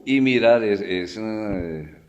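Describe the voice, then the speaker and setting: A low-voiced man explains spelling rules in a folksy, conversational way, leaning on everyday examples. His voice carries a long reverberant tail in the recording. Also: expressive, slow, darkish tone, muffled recording. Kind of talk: casual explanatory talk.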